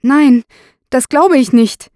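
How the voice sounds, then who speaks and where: A woman's voice: medium pitch, lively intonation, measured pace, a little mellow, dry recording, studio quality, natural voice. A woman reading the part of a defensive young male suspect who turns agitated and stammers in shock. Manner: agitated, stammering, rising in panic.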